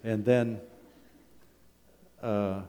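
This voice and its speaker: Addressing a congregation in a church hall, a Canadian man, middle-aged or older, who heads a wilderness school gives a funny, conversational talk with slides and frequent rhetorical questions. His lowish voice is warm and clean, with fairly even intonation and drawn-out words, and the room is echoey with long reverb.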